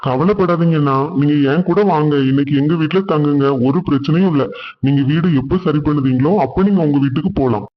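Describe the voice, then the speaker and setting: A man doing a gentle, devout cartoon father. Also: on the high side, fast, close to an everyday voice. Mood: kind. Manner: calm, reassuring. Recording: dull lo-fi sound.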